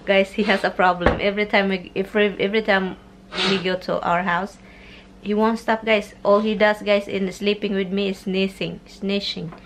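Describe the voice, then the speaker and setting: A Filipina with a Filipino accent vlogs from her car on her phone, chatting casually in mixed Tagalog and English, giggling often and exclaiming. Her medium-pitched voice is level and moderately paced, with slight background noise.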